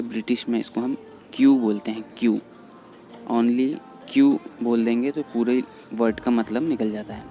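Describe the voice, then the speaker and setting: A man explaining English vocabulary in Hindi, patiently repeating each word slowly. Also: mid-range voice, creaky, mellow. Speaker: English teacher. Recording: faint background music under voice. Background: faint background music.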